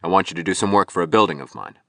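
A man voicing a calm, self-assured male architect in an audiobook, speaking quietly and firmly. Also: low-pitched, very fast, no room sound, studio quality. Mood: calm businesslike. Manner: quiet, level, firm. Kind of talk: audiobook reading.

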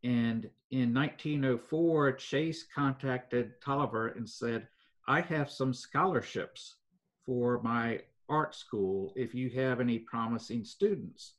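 An older man, telling local history in an interview at an even pace with many fillers. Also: medium pitch. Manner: measured storytelling with frequent fillers. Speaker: foundation president, guest.

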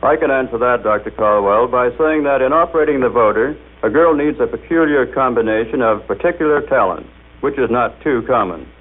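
A medium-pitched American man speaking fairly quickly presents a formal, scripted demonstration with careful, showmanlike enunciation. The audio is a tinny, band-limited 1930s radio recording.

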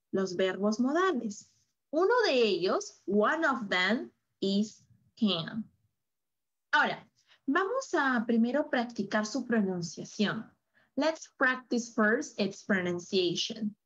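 A woman teaching an English class over a video call, switching between Spanish and English and repeating words slowly for her student. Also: fairly high pitch, very animated, a bit bright, muffled recording. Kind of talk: online English lesson.

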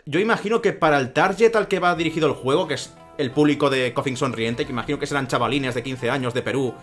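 Over soft background music, a man with a Spain Spanish accent rants through sarcastic, swearing gameplay commentary as a let's play commentator. His mid-range voice is fairly bright and fast.

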